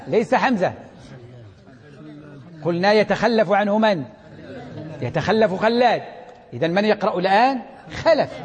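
A man's voice: high voice, long reverb tail. A man teaching a Quranic readings class, quizzing his students and chanting verses for them to repeat.

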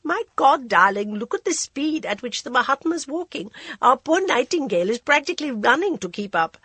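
A gushing society lady chatters in high, breathless exclamations, played by a woman reading a story. She sounds theatrical and excitable. The voice has a husky edge and a close, dry sound. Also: normal speed, no room sound, full character voice. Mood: gushing excited.

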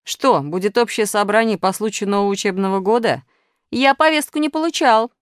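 A woman's voice: mid-range voice, a little fast, clean tone, dry recording, studio quality, voice pushed up, close to an everyday voice. A woman voicing a naughty, whiny male minus sign who pleads and wheedles, in an audiobook. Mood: whiny pleading. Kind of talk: audiobook character voice.

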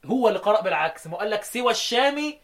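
A man with an Egyptian Arabic accent teaches recitation readings in an animated voice that sits high and sounds a bit bright. He poses questions and answers them himself, chanting verses slowly.

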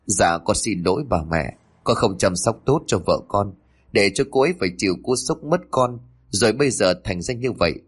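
A man voicing a devoted young husband who speaks gently and pleads, in a storybook reading. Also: lowish voice, lively intonation, normal speed, slightly rough. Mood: gentle.

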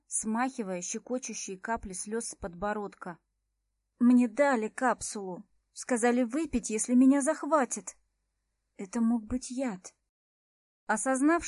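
A woman's voice: a little high, no room sound. A woman reading a tense first-person story aloud, acting out the characters' cries and hisses. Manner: acts out characters' lines with shouts and hisses. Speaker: audiobook narrator. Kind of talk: dramatic first-person book narration.

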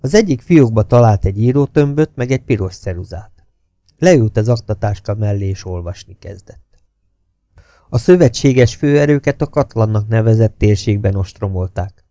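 A man reading a novel aloud as an audiobook, telling it in a measured, steady way that drops to hushed tones. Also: fairly low pitch, dry recording. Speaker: audiobook reader. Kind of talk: scripted novel narration.

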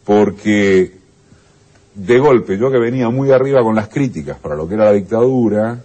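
A man's voice: lowish voice, expressive, normal speed, mellow, highs cut off. A man, speaking earnestly and reflectively in an interview. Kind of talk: archival interview.

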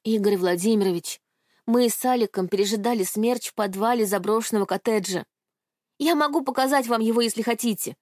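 A woman voicing a desperate teenage girl, pleading and shouting in defense of a friend. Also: fairly high pitch, fairly quick, dry recording, clean studio sound, natural voice.

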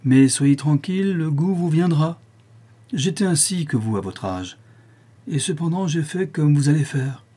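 A man's voice: on the high side, lively intonation, a little slow, mellow, breathy edge, voice pushed up. A man voicing a proud, domineering count of seventy-three who speaks in a solemn, dry and harsh tone. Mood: curt.

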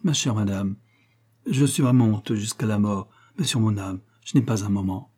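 A man's voice: lowish voice, normal speed, dark tone, close to an everyday voice. A man reading an audiobook voicing an effusive, evasive aristocratic lord who chatters jovially and talks over others. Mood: breezy jovial.

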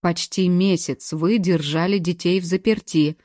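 A woman reading a calm, firm male investigator. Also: lowish voice, unhurried, no room sound, clean studio sound. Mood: stern. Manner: calm, level and pressing. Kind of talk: audiobook character reading.

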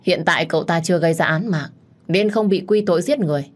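A firm police officer who rattles off terms to a hostage-taker in a quick, official tone, as a woman storyteller puts him on. The delivery is fast and a little louder than her narration. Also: fairly low pitch, lightly acted. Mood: negotiating.

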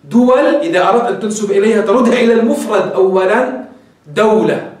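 A man's voice: sits high, quick pace. A male sheikh giving a classroom lecture on hadith terms, asking his students questions and answering them himself. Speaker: sheikh teaching hadith terminology. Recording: very echoey room, voice from far off.

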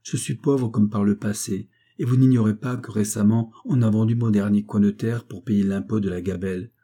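A man's voice: lowish voice, fairly even intonation, moderate pace, mellow, lightly acted. A man reading the lines of a poor, melancholy young peasant in love, in an earnest, grave and hesitant manner. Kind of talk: audiobook character reading.

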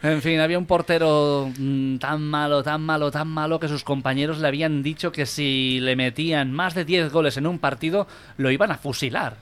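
A man's voice: a little high, steady tone, moderate pace, a bit bright, clean tone. A man hosting a radio comedy show, telling jokes and reading odd news items with his co-hosts. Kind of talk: joke-telling radio banter. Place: radio studio. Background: music.

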